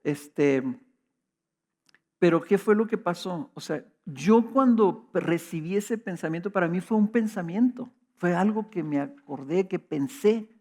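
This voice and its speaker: A middle-aged man preaches, his voice a little high for a man and gravelly. He tells personal anecdotes in a relaxed, conversational way, often checking in with his listeners through quick rhetorical questions. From Mexico. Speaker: pastor. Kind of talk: sermon with personal storytelling.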